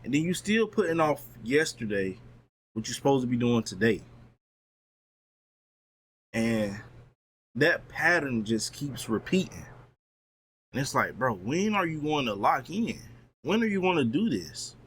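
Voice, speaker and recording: A young man streaming a casual motivational talk to his chat, full of slang and lively asides. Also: medium pitch, measured pace, long pauses, slight background noise.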